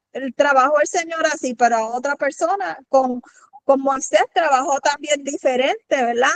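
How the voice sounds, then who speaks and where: A woman leading a Bible study, speaking haltingly with many restarts and frequent questions to the group. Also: high voice, rough recording.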